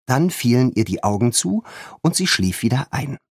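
A man reading a children's adventure story aloud as narrator, calm and expressive. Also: mid-range voice, normal speed, breathy edge, no room sound, clean studio sound.

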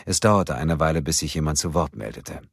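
Deep, husky male audiobook narrator. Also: lively intonation, a little fast, no echo, studio quality. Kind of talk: scripted narration.

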